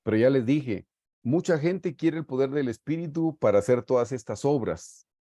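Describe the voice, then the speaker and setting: A middle-aged man from Guatemala preaches to a small online Bible study group. His voice sits mid-range, with a mellow, darker tone. The video call sound is dry and close. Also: medium pitch, lively intonation, normal speed, no echo. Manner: earnest, warm pastoral storytelling, often saying "hermanos". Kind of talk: sermon-style Bible teaching. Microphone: video call mic.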